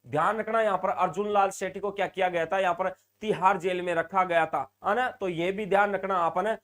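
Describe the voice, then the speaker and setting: A man's voice: high voice, steady tone, a little fast, fairly bright tone. A man teaching a live online exam-prep class. He repeats key points and answers viewers' comments. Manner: repetitive, stresses points, reads out viewer comments.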